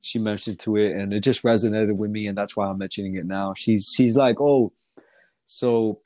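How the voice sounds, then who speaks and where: A man's voice: lowish voice, flat delivery, a little fast, darkish tone, dry recording. Rambling man in casual chat. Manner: rambling, full of fillers and restarts, swearing. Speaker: guest rapper.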